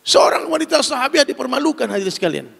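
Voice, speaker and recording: High, gravelly-voiced man preaching in a reverberant hall. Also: fast talker. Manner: emphatic and animated, addresses listeners as "Pak", acts out dialogues. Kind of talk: sermon to a gathering.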